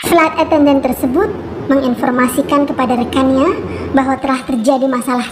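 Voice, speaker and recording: A woman's voice: sits high, steady tone, brisk, background noise. A woman reading scripted documentary narration as the narrator.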